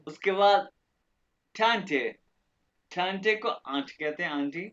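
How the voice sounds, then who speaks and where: A man teaching German vocabulary in an online lesson, repeating each word slowly and often checking that students follow. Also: high voice, fairly bright tone, highs cut off.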